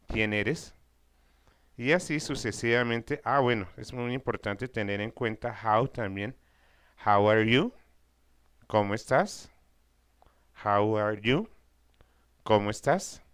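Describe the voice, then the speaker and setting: A man teaching a recorded English lesson for Spanish speakers, explaining slowly and carefully and repeating example phrases. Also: on the low side, a bit bright, smooth, dry recording.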